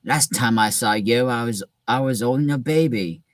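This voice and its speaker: A man reading aloud and voicing a huge, gruff but kindly giant man in a slow, drawn-out way, recorded from a distant mic. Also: mid-range voice, no room sound, close to an everyday voice. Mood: gruff, friendly. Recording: distant mic in a dry room.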